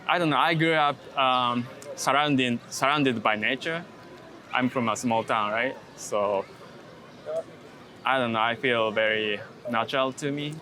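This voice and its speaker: A Japanese man with a Japanese accent, a street photographer, is an interview guest in a busy city park, speaking casually and often hunting for English words. His mid-range voice is steady, a little slow, bright and forceful. Traffic and city bustle fill the background.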